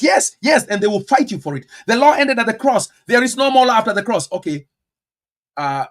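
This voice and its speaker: In a voice that sits high, a Kenyan-accented pastor delivers a teaching sermon full of stressed words and rhetorical questions. Quiet asides alternate with abrupt loud bursts.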